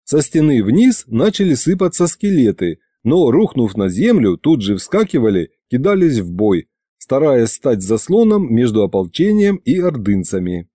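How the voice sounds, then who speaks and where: A man reading a first-person audiobook in a lively, expressive way. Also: mid-range voice, normal speed, few pauses, no echo, studio quality. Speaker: audiobook narrator.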